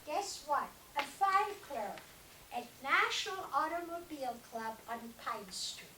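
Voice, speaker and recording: A woman's voice: sits high, very animated, unhurried, bright, forceful tone. An elderly woman from Germany, whose first language is German, speaking earnestly and directly to a school class in a room, with no microphone. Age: older. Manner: earnest, direct, urges listeners. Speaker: Holocaust survivor speaking to students. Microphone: no mic, recorded from across the room. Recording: roomy, distant, faint hiss.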